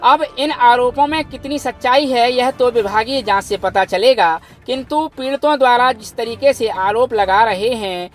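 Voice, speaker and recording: A woman news anchor reads a scripted report in a formal, measured way. Her voice sits a little high. Faint music plays under her reading. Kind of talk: scripted news narration and phone interview.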